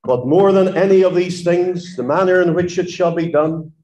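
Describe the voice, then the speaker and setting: An earnest, resolute King David declaring his devotion, as a man puts him on while preaching. The delivery is plain and steady, close to the preacher's own voice. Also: sits high, normal speed, roomy sound, highs cut off, a little hiss or hum, pitched above the performer's own voice, lightly acted.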